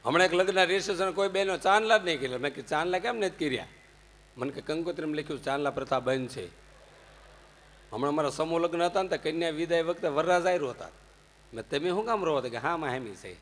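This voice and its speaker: Jokey Gujarati male storyteller, fairly high voice, long hall reverb. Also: quick pace, a little hiss or hum. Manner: jokey, anecdotal, animated swings into loud punchlines. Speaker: religious storyteller. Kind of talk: humorous religious discourse.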